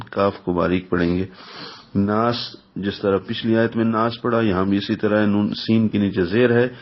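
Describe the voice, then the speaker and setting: A man teaching the rules of Quran recitation, explaining slowly and methodically and pausing to recite example verses. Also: on the low side. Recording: dull lo-fi recording.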